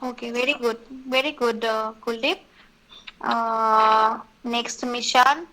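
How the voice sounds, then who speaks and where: A woman's voice: on the high side, fairly even intonation, takes it slowly, sharp tone, rough recording. Woman teacher calling on students. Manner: encouraging, calls names and repeats prompts. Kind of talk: online class drilling students.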